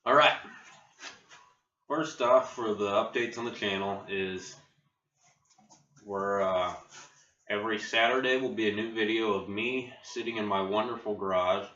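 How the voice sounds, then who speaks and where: An American vlogger and channel host from Ohio chats casually in a roomy home garage, his lowish voice pushed and bright, moving at a measured pace with long pauses. The built-in laptop camera mic makes him sound distant and muffled, with faint noise.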